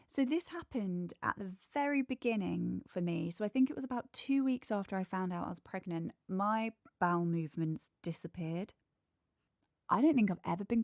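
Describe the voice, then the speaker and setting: A congested woman with a nasal, mid-range, slightly mellow voice hosts a casual solo podcast in clean studio sound with no echo. Candid and chatty, she works through a numbered list point by point.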